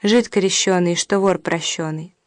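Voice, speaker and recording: A woman reading the lines of a brutal, swaggering male soldier in a storybook, loud and businesslike. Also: fairly low pitch, steady tone, measured pace, dry recording, lightly acted. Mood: jeering.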